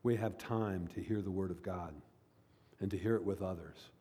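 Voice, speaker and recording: A man's voice: sits low, steady tone, normal speed, mellow, breathy edge, in a large hall. A man preaching a sermon as pastor, speaking earnestly and repeating key phrases for emphasis.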